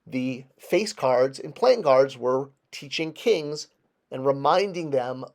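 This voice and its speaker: A man presenting in a casual explanatory style, with animated delivery and emphatic stresses on key words. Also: medium pitch, slow. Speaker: video presenter.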